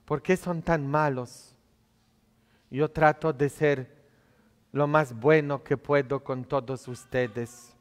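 Speaking from the altar with long church reverb around him, a thirty-something priest whose Spanish isn't native delivers a homily in a conversational style, full of tag questions. His mid-range voice moves slowly with fairly even intonation.

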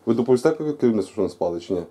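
Filming himself, a blogger confronts police officers at their post, pressing them with questions and repeating his demands insistently. His man's voice is medium in pitch, warm, very fast and lively in intonation. It's a confrontational street recording.

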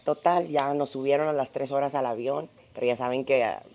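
A woman's voice: a bass voice, fairly even intonation, a little fast, a little mellow. A woman, chatting and laughing as she tells a travel story while walking outdoors, on a lapel mic. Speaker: fitness vlogger. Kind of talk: casual travel vlog storytelling. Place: outdoors at a tropical resort.

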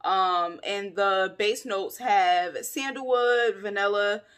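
A woman's voice: mid-range voice, slow pace, clean tone. A young adult woman, chatting casually and playfully to camera in her vlog. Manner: chatty, animated, playful asides. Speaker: vlogger.

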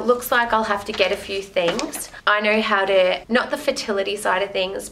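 A woman's voice: mid-range voice, a bit bright, rough recording. A young woman chatting in a rambling, emotional way in a casual home vlog from her living room. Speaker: vlogger.

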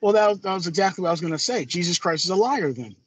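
A man with a husky voice that sits fairly high co-hosts a casual religious discussion. He is quick and sarcastic and laughs at his own jokes. The sound is dry and close. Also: lively intonation, no echo, poor audio. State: clearing his throat. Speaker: co-host.

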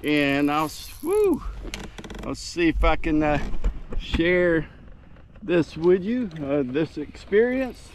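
A man's voice: on the high side, slow, slight background noise. Older man whooping from a kayak. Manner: excited whooping while fighting fish. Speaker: fishing vlogger. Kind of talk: casual narration while fishing. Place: kayak on a lake outdoors. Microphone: action camera mounted on kayak.

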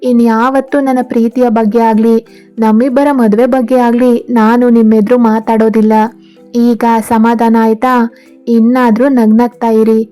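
A woman's voice: a little high, level tone, a little slow, mellow, clear, resonant tone, soft background music, lightly acted. A woman voicing a devoted young man who earnestly pleads his love, in a read-aloud story. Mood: soothing. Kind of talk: storybook narration.

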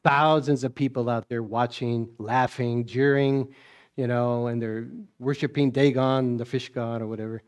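A man's voice: medium pitch, steady tone, normal speed, smooth. A man preaching a sermon in a church, telling a story in a folksy way and acting out its scenes. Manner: folksy storytelling, acts out scenes, chuckles often.

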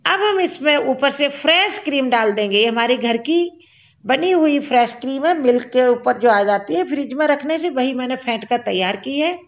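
A woman's voice: high-pitched, expressive, normal speed, lo-fi sound. A woman hosting a cooking channel, explaining each step of a home recipe in a chatty voice-over from her kitchen.

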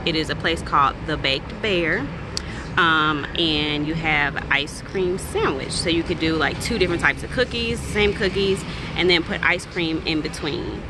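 A woman's voice: low-pitched, a little slow, background noise. A woman vlogging casually on her phone, chatty and playful, calling her viewers baby and child. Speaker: travel vlogger. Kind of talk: casual vlog chat.

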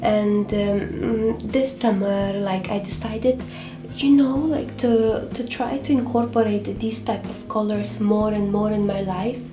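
A young woman from Lithuania vlogs about beauty in a mid-range, level voice at an unhurried pace. She talks casually to the camera but hesitantly, with frequent fillers and restarts. Her small home room sounds roomy, and soft music plays behind her.

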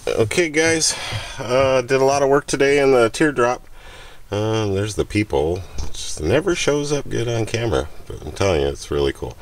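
A vlogger shows off his homemade trailer in a casual handheld walkthrough, starting outdoors in a parking lot and moving inside the small trailer. His mid-range voice has lively intonation at a normal speed, and his chatty, rambling tour is full of ums and uhs.

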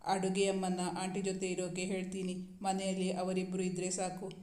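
A soft, coaxing young husband from a storybook romance, read by a man. He is caring but stubborn, and the voice sits fairly high and level in pitch. It is heard in a roomy, echoing space. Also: completely flat delivery, moderate pace, lightly acted. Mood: gentle coaxing.

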